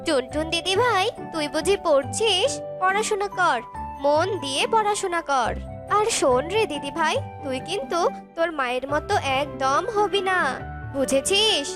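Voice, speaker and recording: Cartoon grandmother, bossy and shrill, very high voice, put on by a woman, music underneath. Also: lively intonation, moderate pace. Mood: coaxing. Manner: scolding, shrill, shouting. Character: nagging older village mother-in-law, grandmother. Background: background music.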